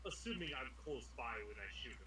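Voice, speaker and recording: A man's voice: medium pitch, big pitch swings, quick pace, background noise. A young man chatting casually with friends while playing a co-op game, joking, swearing and reacting on the fly. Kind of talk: casual co-op gaming chat. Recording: loud game sounds over voice. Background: loud video game audio.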